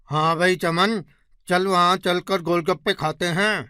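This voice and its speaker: A man's voice: high-pitched, steady tone, measured pace, pushed and bright, clear, resonant tone, dry recording. A man voicing a boastful, greedy young village man in a cartoon story. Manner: boastful, whiny in pain.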